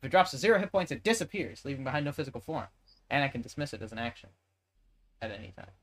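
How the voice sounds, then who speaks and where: A man chatting at a tabletop game, rambling through spell rules with plenty of fillers. His voice sits at an ordinary middle pitch. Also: lively intonation, rapid-fire, poor audio. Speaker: player. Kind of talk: casual tabletop game chat.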